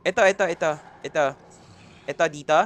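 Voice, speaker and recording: A man's voice: fairly high pitch, steady tone, fairly quick. A man with a Filipino accent doing livestream gameplay commentary, greeting chat viewers by name and mixing Tagalog and English. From Philippines. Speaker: streamer.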